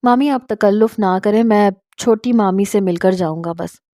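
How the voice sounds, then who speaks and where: A woman's voice: mid-range voice, normal speed, mellow, no room sound, lightly acted. Woman doing a stuck-up young guy, sniffy, close dry mic. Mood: haughty. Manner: haughty, picky. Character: proud young man, disdainful nephew.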